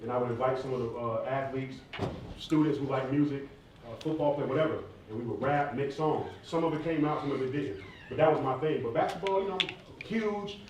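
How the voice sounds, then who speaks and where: Rapid, candid and informal, a mid-range male voice handles casual audience questions; he's an American hip hop artist and former college athlete from the southeastern US, near Atlanta. The very reverberant, large indoor room at the live event is captured with a distant mic and faint noise.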